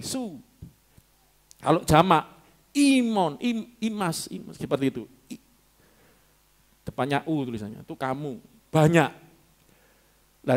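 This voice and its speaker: A man preaching a sermon in a church, animated and emphatic, slipping in local words and short chuckles. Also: on the high side. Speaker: pastor. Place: church sanctuary.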